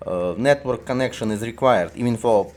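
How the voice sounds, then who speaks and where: A man speaking English with a strong Russian accent, his native tongue coming through clearly. He narrates over his gameplay in a hesitant, halting manner, often stopping and restarting his sentences. His voice sits at an ordinary middle pitch for a man. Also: a little mellow. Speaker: gaming video creator. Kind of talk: casual commentary over gameplay.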